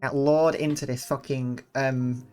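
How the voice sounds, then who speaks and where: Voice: medium pitch, little pitch movement, unhurried, a little mellow, clear, resonant tone. A game streamer working through a visual novel blind, breaking off into sarcastic, swear-filled, rambling commentary. Faint music plays underneath. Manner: sarcastic and profane, rambling asides.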